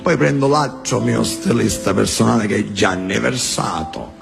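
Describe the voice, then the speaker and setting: A man playing a deadpan Sicilian mafia boss in a comedy sketch, with a southern Italian accent and slow, deliberate, understated menace. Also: fairly low pitch, creaky, voice pushed down. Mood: calm menace. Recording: stage hall reverb, music behind.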